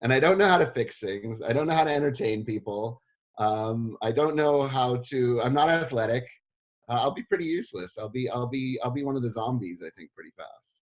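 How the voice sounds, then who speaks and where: A middle-aged South African history professor answers interview questions briskly, relaxed and self-deprecating. His voice is at an ordinary middle pitch, and his loose speech is full of ums and uhs.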